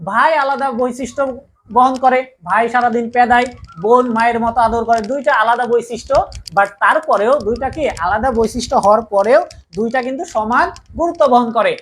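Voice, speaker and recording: A woman's voice: on the high side, fairly quick, a little hiss or hum. A woman teaching a casual grammar lesson, patiently repeating key points and asking the class rhetorical questions. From Bangladesh.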